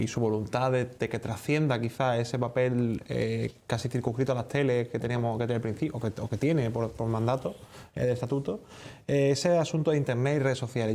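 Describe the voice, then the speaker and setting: Male journalist, soft dark tone, mid pitch, formal but halting and roundabout in questioning. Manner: hesitant, halting, circuitous phrasing.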